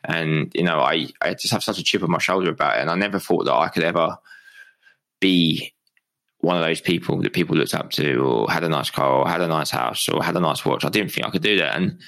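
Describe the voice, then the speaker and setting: A man's voice: very deep voice, brisk, vocal fry, a bit bright, poor audio. A young British man hosting a podcast, rambling and self-deprecating in a casual motivational monologue, a little hungover and swearing freely. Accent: British English. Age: young adult. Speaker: podcast host.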